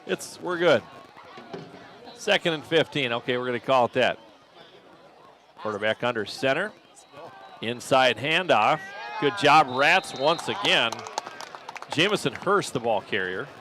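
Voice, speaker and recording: Here the football announcer is unhurried and pauses often, with a faint crowd and slight background noise behind him. He works local radio play-by-play, rising in pitch and volume on big plays and correcting himself aloud as he thinks.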